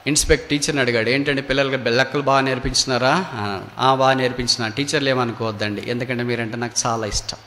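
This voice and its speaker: A man's voice: steady tone, fast talker. Preaching man in a reverberant hall. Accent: Telugu. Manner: swings from loud rising cries to low quiet asides. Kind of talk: sermon with acted story. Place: prayer hall.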